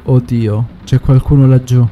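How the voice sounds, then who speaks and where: A man commentating a horror game, swearing and yelling in fright. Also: mid-range voice, level tone, measured pace, background noise. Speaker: gameplay streamer. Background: game music.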